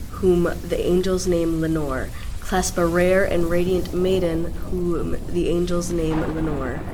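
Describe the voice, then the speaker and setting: A woman gives a dramatic reading of gothic poetry. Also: on the low side. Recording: noisy recording with loud background ambience.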